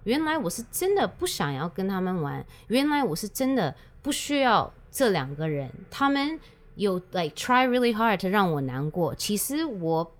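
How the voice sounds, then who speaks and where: A woman's voice: mid-range voice, very animated, moderate pace. A woman telling a personal story in casual chat, slipping English words and phrases into her speech. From United States. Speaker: guest.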